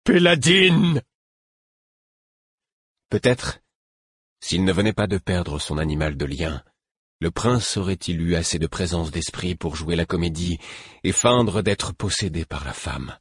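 Low husky man reading an audiobook. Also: normal speed, dry recording, clean studio sound. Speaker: audiobook narrator.

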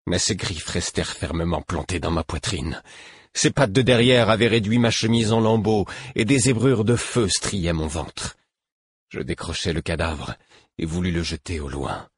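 A man with a low, husky voice reads a first-person adventure audiobook with measured, grave intensity. The recording is close and completely dry, as in a small booth. He keeps a steady storyteller's pull through every sentence. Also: no echo. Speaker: audiobook narrator. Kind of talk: dramatic audiobook reading.

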